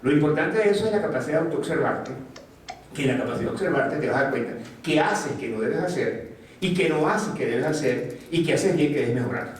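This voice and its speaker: Man giving an animated talk in an echoey room. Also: on the high side, fairly quick, slight background noise. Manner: animated, asks the audience questions, acts out quotes. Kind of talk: motivational talk to an audience. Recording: distant mic in an echoey room.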